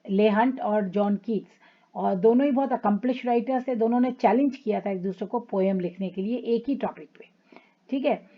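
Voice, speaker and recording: A woman teacher walks schoolchildren through a poem, switching between Hindi and English and slowing down for the English passages. Her voice sits fairly high. The recording sounds dull and lo-fi. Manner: mixes Hindi with English, reads English passages slowly. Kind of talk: classroom lesson explaining a poem.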